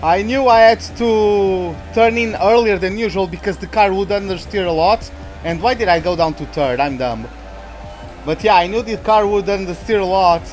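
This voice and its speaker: Audio quality is poor on this clip of a high-pitched young man, a gaming YouTuber from a Portuguese-speaking country, rambling casually in English at a moderate pace. Portuguese is his first language, and his racing-game let's-play commentary is packed with fillers and restarts. Soft music plays in the background.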